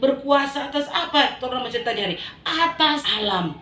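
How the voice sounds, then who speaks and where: Animated woman teaching children with Manado Malay accent. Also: sits high, moderate pace, roomy sound, slight background noise. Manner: animated, asks the children questions. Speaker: Sunday school teacher. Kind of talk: children's Bible lesson.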